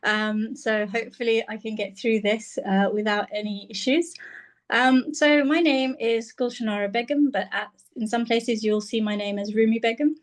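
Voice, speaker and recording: Higher-pitched woman, reflective and hesitant. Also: fairly even intonation, normal speed. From Bangladesh. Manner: warm, reflective, with many "um"s. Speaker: guest speaker, senior lecturer. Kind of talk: personal talk on a video call. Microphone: phone.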